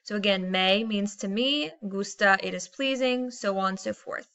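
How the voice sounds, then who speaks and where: A woman's voice: medium pitch, moderate pace, fairly bright tone. A woman teacher explaining grammar patiently in a recorded lesson, reading out Spanish examples.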